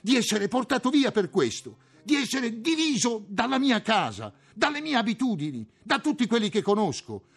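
A man reading an audiobook, voicing an anxious, touchy middle-aged man who flares into shrill outbursts. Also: lively intonation, moderate pace, a little mellow, husky, soft background music.

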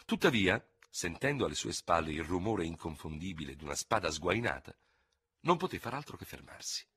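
Guy reading a novel aloud, lively up-and-down pitch, crisp bright sound. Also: normal speed, no echo, studio quality. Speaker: narrator. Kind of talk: audiobook narration.

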